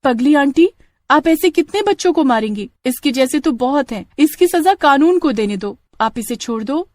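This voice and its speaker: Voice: high-pitched, lively intonation, moderate pace, no echo, voice pushed up. A narrator voicing a kind, brave village girl pleading earnestly in a cartoon story.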